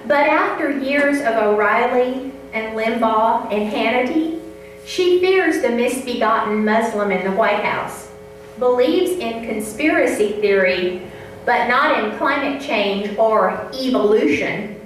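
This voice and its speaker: Slow, echoey woman reciting poetry. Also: a little high, lively intonation. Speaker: poet reading at an open mic. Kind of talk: poetry recital, measured and deliberate. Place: indoor open mic venue. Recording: very echoey room, distant, noisy hum.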